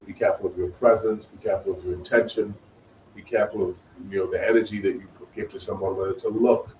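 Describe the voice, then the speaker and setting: A man's voice: on the low side, steady tone, fast talker, a little mellow. A man as a guest speaker on a spiritual talk show, telling stories in an earnest way and repeating phrases as he goes. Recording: roomy, distant mic, faint noise.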